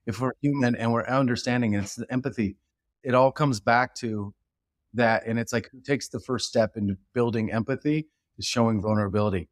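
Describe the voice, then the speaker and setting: This is a middle-aged man guesting on a podcast, an animated storyteller who rambles and restarts as he goes. His voice sits at an ordinary middle pitch. The sound is dry and close to the mic. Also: a little fast, no room sound. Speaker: podcast guest, leadership expert. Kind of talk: casual podcast conversation.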